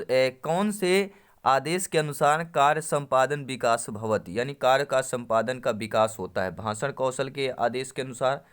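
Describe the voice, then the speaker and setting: Man teaching, smooth clear voice. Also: mid-range voice. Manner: reads Sanskrit options, then explains them in Hindi; addresses the viewers as friends and quizzes them. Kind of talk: exam-prep lesson.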